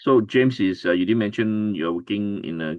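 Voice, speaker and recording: A man hosting an online writing class, introducing members in a relaxed way with plenty of fillers. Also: fairly low pitch, normal speed, no room sound, highs cut off. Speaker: course host and writing coach.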